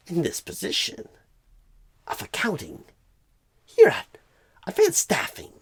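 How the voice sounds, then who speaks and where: A man playing a clueless, bumbling job recruiter in an ASMR roleplay interview, with a husky voice that often slips toward a whisper and halting, rambling phrasing full of odd pauses and stresses. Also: sits high, no room sound, full character voice. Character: clueless, bumbling male job recruiter, Christopher Walken impression.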